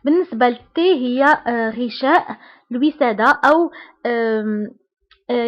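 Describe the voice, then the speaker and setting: A woman with a Moroccan Arabic accent teaching a beginner French lesson, patient and repeating each sound slowly. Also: a little high, dull audio.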